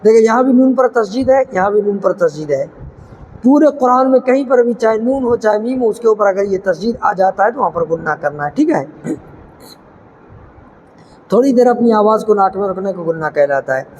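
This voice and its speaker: A male Quran teacher who explains recitation rules quickly and then recites each word slowly and drawn out. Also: sits high, expressive, a little mellow, in a large hall, slight background noise, poor audio. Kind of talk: tajweed recitation lesson.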